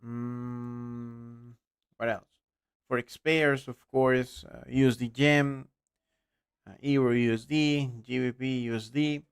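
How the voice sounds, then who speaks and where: A man's voice: medium pitch, little pitch movement, slow, clean tone. A young man from Costa Rica with a Costa Rican accent, hosting a live trading stream in his second language and answering viewer questions bluntly, his voice trailing off at the ends of phrases. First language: Spanish. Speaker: trading livestream host.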